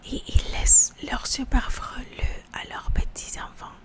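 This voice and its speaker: Casting: female ASMR reader, hushed library whisper, unhurried and slightly halting scripture reading. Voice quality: hushed library-style whisper, mostly unvoiced. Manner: slow, halting reading with repeated words.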